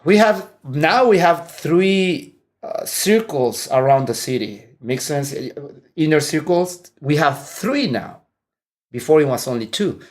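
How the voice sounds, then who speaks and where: This is a forties-aged Mexican man who teaches martial arts, speaking slowly and expressively in a somewhat high voice with a Mexican Spanish accent. He sits in an indoor room as a guest in a relaxed interview. He laughs a lot and often starts his sentences over.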